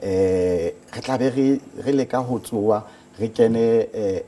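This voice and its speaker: A man with a South African Sotho accent answers interview questions haltingly, repeating words and stuttering. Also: lowish voice, warm tone, slight background noise. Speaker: organisation founder being interviewed. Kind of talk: studio news interview answers.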